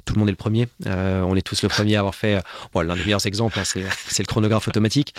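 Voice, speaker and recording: Fast-talking low-voiced man, hesitant. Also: level tone, noisy background. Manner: hesitant, many fillers and restarts. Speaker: podcast guest, watch specialist. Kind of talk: casual conversation.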